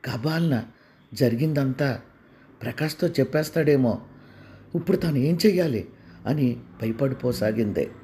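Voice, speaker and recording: A man narrating a dramatic family story in a soft, sorrowful way. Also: medium pitch, vocal fry.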